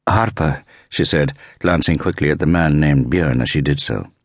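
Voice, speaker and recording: A man reading a thriller audiobook in measured, vivid scripted narration. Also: extremely low pitch, no echo, studio quality.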